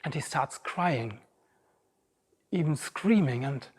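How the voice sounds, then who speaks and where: On a large auditorium stage, a man in his 50s gives a reflective, personal inspirational talk straight to the audience. His husky voice sits on the high side with lively intonation, and he takes it slowly while the hall's long reverb trails behind him.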